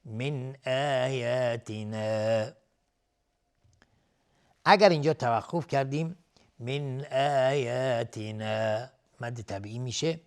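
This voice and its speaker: Guy teaching quran recitation on tv, chants slow then rattles off the rules fast. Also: medium pitch. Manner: recites verses slowly, then explains rules quickly. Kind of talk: tajweed lesson with slow recitation. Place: TV studio.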